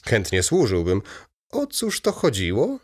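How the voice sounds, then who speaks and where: A man's voice: on the low side, wildly swooping pitch, unhurried, darkish tone, breathy edge, exaggerated voice. A man reading an audiobook voices a weary, brooding middle-aged merchant with restrained, terse replies.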